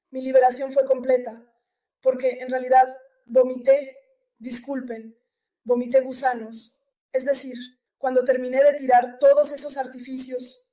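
Woman, high voice, testimony speaker, earnest and repetitive. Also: warm tone. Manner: earnest, repeats key phrases. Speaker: church testimony giver. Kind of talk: personal religious testimony.

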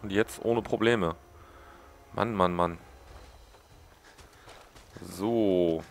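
A man's voice: low-pitched, extremely slow, gravelly, a little hiss or hum. A man giving casual gameplay commentary as a let's play host, joking and mocking the characters on screen.

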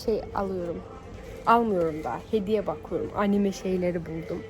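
A young woman vlogging on her phone outdoors and in a cafe, chatting casually and swinging between giddy teasing and low grumbling complaints. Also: moderate pace. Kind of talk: casual vlog chat. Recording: loud background music. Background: music playing.

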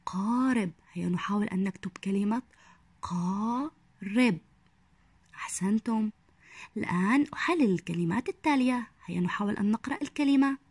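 A young woman teaching a phonics lesson to small children. She draws out each syllable slowly and gives soft, whispered praise. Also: mid-range voice, husky, no room sound. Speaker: primary school teacher.

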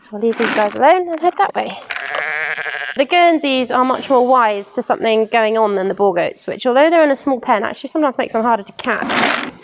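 Trimming goat hooves as she talks, a young Englishwoman in her twenties who keeps livestock explains the job casually and practically, often saying "um." Her voice is a little high, the recording has its highs cut off and a noisy background, and it was captured outdoors and in a large farm barn.

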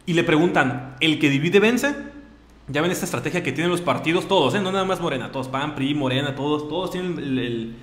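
A man's voice: on the high side, roomy sound, slight background noise. A man with a Mexican accent hosting a live online show, ranting indignantly in casual slangy speech. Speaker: online radio show host. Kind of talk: casual live-stream commentary.

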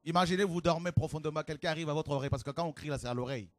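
A man preaching a fiery sermon to a congregation, with shouted exclamations and rhetorical questions. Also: a little high, very fast, dry recording.

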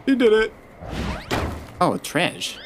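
This dad speaks in a high, wildly swooping voice, taking his time as he co-hosts a let's play with his kid. Amid background noise and loud game music, he keeps the gameplay chat casual and coaches with encouraging tips and suggestions.

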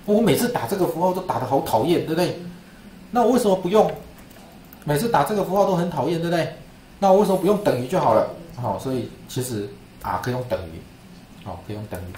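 A man's voice: fairly high pitch, lively intonation, fast talker, dark tone, a little hiss or hum. Male lecturer, chatty and repetitive, roomy classroom sound. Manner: chatty, repeats himself, asks "right?". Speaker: statistics lecturer. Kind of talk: classroom screen-share lesson.

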